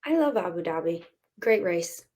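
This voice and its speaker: A woman's voice: on the low side, animated, moderate pace, a little mellow. A woman co-hosting a podcast in casual chat, bubbly and enthusiastic, laughing often. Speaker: podcast co-host.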